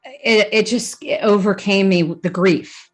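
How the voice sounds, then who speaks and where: A woman's voice: medium pitch, fairly even intonation, slow pace, soft background music. A woman hosting a podcast interview, telling a personal story in a chatty way with frequent restarts and laughs. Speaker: podcast host. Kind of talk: casual conversational interview.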